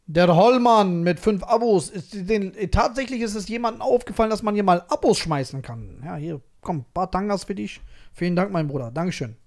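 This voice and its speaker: A man streaming live, reacting with excited, slangy street talk. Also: high voice, a little fast.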